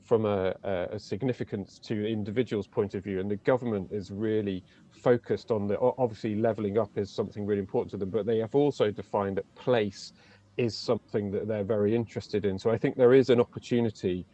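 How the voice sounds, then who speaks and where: A man moderating a panel discussion over a video call, speaking in a measured, hesitant way with fillers. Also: fairly low pitch, steady tone, warm tone, highs cut off.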